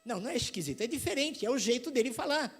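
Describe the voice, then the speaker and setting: A middle-aged man with a São Paulo accent preaching a sermon, telling lively stories and acting out other people's voices. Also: very high-pitched, racing, slightly rough. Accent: paulista. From São Paulo, Brazil. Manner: animated storytelling, acts out voices.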